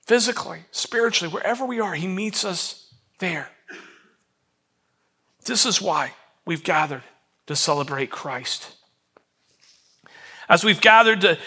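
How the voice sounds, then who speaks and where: Male pastor, middle-aged, high bright voice, earnest sermon storyteller. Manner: earnest, builds to softer, emotional moments.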